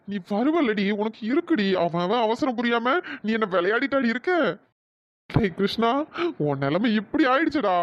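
Flustered young guy in a cartoon, mutters and pleads, kinda muffled. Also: extremely high pitch. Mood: bossy. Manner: frantic, pleading, muttering to himself. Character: flustered young husband, mischievous and panicky.

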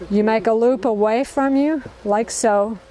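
Her voice on the high side and mellow, a woman speaks a little slowly as she demonstrates knot-tying to a group outdoors in a park. She's upbeat, repeats each step, and checks in with the group as she goes.

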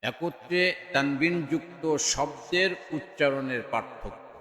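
A man teaching Quran reading, reciting vowel and letter sounds in a drawn-out sing-song drill. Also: on the high side, sharp tone. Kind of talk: slow chanted recitation drill. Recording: echoey room with long reverb.

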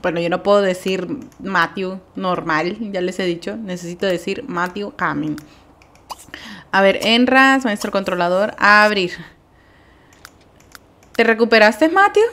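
A woman casually commenting on her life-simulation game, chatty and quick to shriek in alarm. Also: medium pitch, expressive, fairly bright tone. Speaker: gameplay commentator. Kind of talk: casual let's-play commentary.

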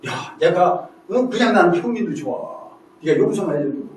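A condemned scholar from an old story exclaims with feeling, as a male lecturer puts him on. The voice is a touch high and close to the lecturer's own. It is heard from a distance in a strongly echoing room. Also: lively intonation, normal speed, slight background noise. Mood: overwhelmed. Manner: emotional, exclaiming. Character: condemned ancient scholar, grateful and overcome, male. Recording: echoey room, distant mic.

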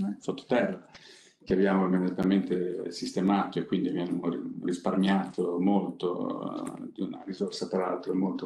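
A middle-aged man speaks from a panel table, presenting without a script and pausing often as he goes. His voice sits low. The room around him rings with echo, and faint background noise runs underneath. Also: darkish tone. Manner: conversational, unscripted, halting with frequent pauses. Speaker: company innovation director presenting a project. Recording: echoey conference room.

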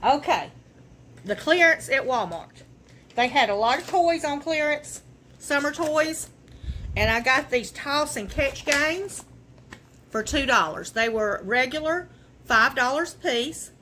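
A woman's voice: high voice, lively intonation, unhurried, bright, forceful tone, a little hiss or hum. A woman, chatting folksily from her living room as she shows off her thrift finds to the camera. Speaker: vlogger showing a thrift haul. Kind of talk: casual show and tell.

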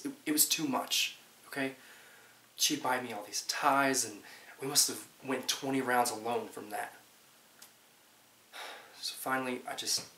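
A man acting a bitter framed guy, young, American, dramatic monologue, forceful edgy voice, defensive, echoey room. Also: mid-range voice. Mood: exasperated, wry. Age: 20s. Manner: defensive, emphatic, swearing, halting. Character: bitter, aggrieved man who says he was framed. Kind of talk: dramatic monologue, naturalistic audition-style acting. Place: small plain indoor room. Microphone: camera mic a few feet away. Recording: roomy home recording with hiss.

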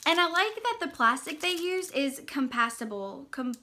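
A woman hosting a casual unboxing vlog, gushing and giggling, often muttering softly to herself as she opens things. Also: high voice, normal speed. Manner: excitable, giggly, gushing exclamations. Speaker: channel host.

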